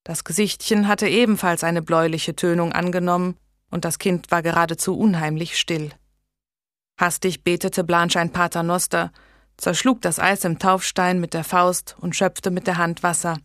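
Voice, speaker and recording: Low-pitched woman reading an audiobook, steady, dry close mic. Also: normal speed, no echo. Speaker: audiobook narrator. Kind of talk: scripted narration.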